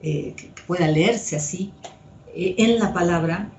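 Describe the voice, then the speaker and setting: A woman psychoanalyst giving a measured, step-by-step lecture with occasional fillers. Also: fairly low pitch, darkish tone. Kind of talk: slow didactic lecture. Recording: echoey room.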